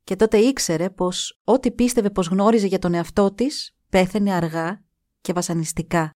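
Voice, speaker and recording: A woman's voice: on the low side, mellow, no echo. Woman reading a story, dry sound. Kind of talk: scripted story narration.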